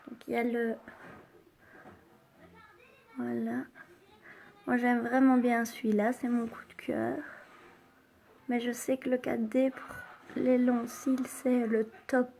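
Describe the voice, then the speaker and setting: A woman hosting a live makeup demonstration, chatty and unhurried, filling pauses with little interjections and dropping to soft asides while she works. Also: a little high, little pitch movement, gravelly. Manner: chatty, unhurried, full of fillers like "hein" and "hop". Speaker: makeup live-stream host.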